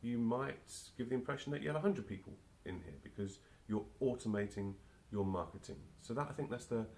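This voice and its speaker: Here a London-accented Englishman in his forties, a marketing automation specialist appearing as a guest, answers questions at a fairly quick pace. His medium-pitched voice is a little mellow, there's a slight hiss or hum, and he stumbles through fillers and restarts.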